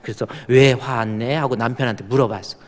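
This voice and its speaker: A man's voice: mid-range voice, brisk. A man preaching a sermon as pastor, telling folksy stories and coaxing the congregation to answer him. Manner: folksy storytelling, quotes others, coaxes congregation to respond. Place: church sanctuary. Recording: long reverb of a church hall.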